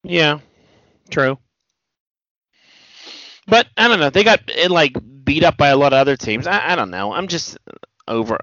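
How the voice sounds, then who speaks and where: A middle-aged man co-hosting a podcast in casual chat, a rambling, animated storyteller who restarts sentences. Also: on the high side, normal speed, long pauses, no room sound, highs cut off. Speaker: podcast co-host.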